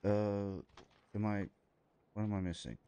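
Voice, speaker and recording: A man streaming a shooter game live, thinking aloud as he loots, excitable, with his voice jumping up high at times. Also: measured pace, dull audio, noisy background. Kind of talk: live gameplay commentary.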